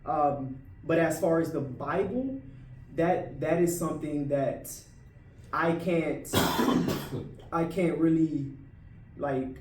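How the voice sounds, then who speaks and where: A man's voice: on the high side, slow pace, pauses often, a little mellow, far from the mic, slight background noise. A man in a casual discussion, talking in a laid-back way, full of fillers like "like" and "right". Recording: roomy audio from off-mic.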